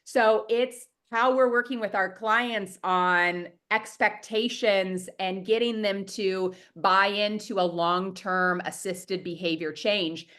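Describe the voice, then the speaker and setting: Slow and steady, with few pauses, a woman's mid-range, slightly bright voice answers interview questions on a video call. She's a dietitian with private practices appearing as a guest, and despite a head cold that makes her a little sniffly, she's enthusiastic, open and talkative.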